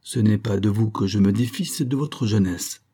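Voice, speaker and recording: A man's voice: lowish voice, moderate pace, dark tone, husky. Man reading as a courteous colonel. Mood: persuasive. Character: wealthy young colonel, firm yet courteous. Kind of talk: audiobook reading.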